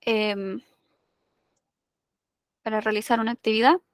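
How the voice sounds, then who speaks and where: A woman's voice: a little high, steady tone, a little slow, smooth, no echo, clean studio sound. A woman teaching an English class, explaining patiently and checking in with "ya?".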